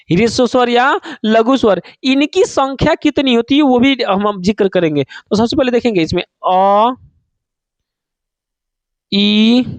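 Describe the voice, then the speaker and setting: Male Hindi tutor, very high pitch, dry close sound, drills students with repeated questions. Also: dry recording. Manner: asks students questions and answers them himself; calls students "babu", repeats key points. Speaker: Hindi teacher. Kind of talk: online exam-prep class.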